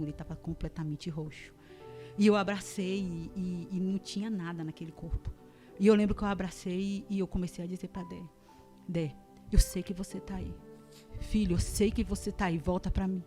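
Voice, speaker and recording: A woman's voice: lowish voice, a little mellow. A woman, a podcast guest giving an emotional religious testimony and acting out the voices of people in her story.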